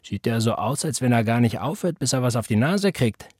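A big, strong teenage boy, as a male narrator puts him on, loud and mockingly bossy with mock threats. The voice is lifted above the reader's own, a little husky and very dry. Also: mid-range voice, animated, fairly quick, no echo. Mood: mock scolding. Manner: teasing mock threats, raised voice.

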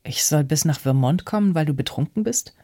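A reader voicing a weary, reluctant eighteen-year-old boy in an audiobook, with short, flat replies. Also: medium pitch, fairly quick, no room sound, studio quality, lightly acted. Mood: curt. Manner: flat, curt.

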